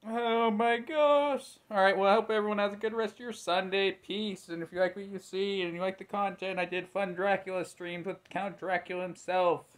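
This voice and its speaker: A man hosting a casual livestream, his voice pitched up by software into a chipmunk-like sound, talking in a chatty, self-deprecating way. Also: fairly even intonation, moderate pace, hardly any pauses. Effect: pitched-up chipmunk-like sound from streaming software. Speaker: livestream host.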